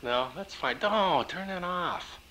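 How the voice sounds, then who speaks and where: Old VHS home-video clip: a man behind the camcorder, chatty, lively up-and-down voice, faint tape hiss. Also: sits high, slow pace, low-quality recording. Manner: chatty narrating while filming, coaxing a toddler. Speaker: family member filming at home. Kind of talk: casual home-video narration. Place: home living room on Christmas morning. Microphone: camcorder built-in mic, operator behind camera.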